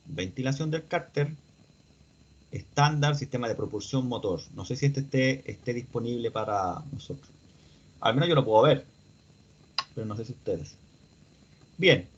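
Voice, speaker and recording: Teaching mechanics online, this man breaks things down one step at a time and keeps asking his class questions. He speaks at a medium pitch with a breathy edge, captured on dull, low-fidelity audio.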